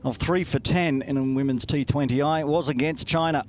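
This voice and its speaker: A man co-commentating on a cricket match, calmly adding statistics and replay analysis. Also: a little high, slight background noise. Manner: measured, citing past statistics. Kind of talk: live sports analysis.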